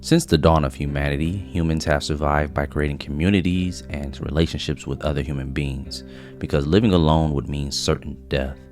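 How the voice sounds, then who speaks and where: Very deep-voiced male narrator. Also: fairly even intonation, normal speed, a little mellow. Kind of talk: scripted video-essay narration. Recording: faint music behind voice.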